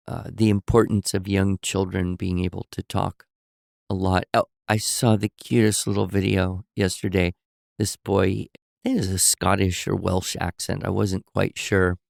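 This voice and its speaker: A man's voice: low-pitched, flat delivery, unhurried, creaky, no echo, studio quality. A man co-hosting a casual teaching podcast, telling anecdotes and acting out quoted voices. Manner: storytelling, acts out quoted voices. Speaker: co-host. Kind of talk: conversational podcast discussion.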